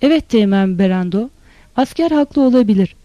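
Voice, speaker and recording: A narrator voicing a cautious, devout lieutenant who speaks in a measured, reasoning way, in an audiobook reading. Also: medium pitch, lively intonation, mellow, no room sound, lo-fi sound, close to an everyday voice.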